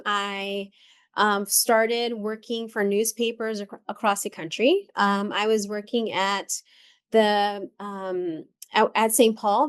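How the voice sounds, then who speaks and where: A middle-aged therapist from the Dominican Republic, appearing as a guest in a conversational interview, reflects on her career story with many ums and restarts. Her voice is smooth and medium in pitch.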